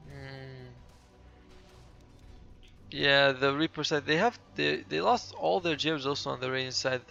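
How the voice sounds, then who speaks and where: A man's voice: medium pitch, fairly even intonation, a little slow, vocal fry, pushed and bright, lo-fi sound, soft background music. A tired, yawning man giving casual, chatty play-by-play commentary on a game replay, often correcting himself mid-sentence.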